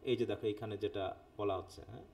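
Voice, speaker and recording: A man's voice: fairly low pitch, fairly even intonation, creaky, noisy background. A male teacher whose first language is Bengali, leading a live phonetics lesson, explaining step by step and checking in with his students. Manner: reads English text aloud slowly. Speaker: English teacher. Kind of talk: live online class lecture.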